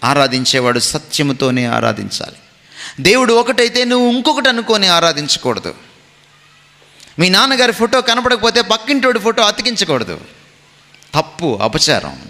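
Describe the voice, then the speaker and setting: A man's voice: sits high, big pitch swings, normal speed, pushed and bright, in a large hall. A man preaching a sermon as a pastor, emphatic and rhythmic, slipping into English phrases now and then.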